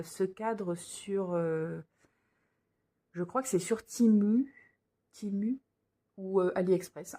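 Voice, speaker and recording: This is a casual show-and-tell vlog in which a woman presents cross-stitch patterns indoors under a lamp. She talks haltingly, full of fillers and restarts, in a fairly low, mellow voice.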